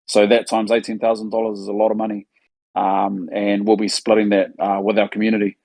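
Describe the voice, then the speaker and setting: A man's voice: lowish voice, level tone, a little fast, darkish tone, no room sound. A man with a New Zealand accent answering questions casually as a musician host, in a laid-back, matey, slangy way.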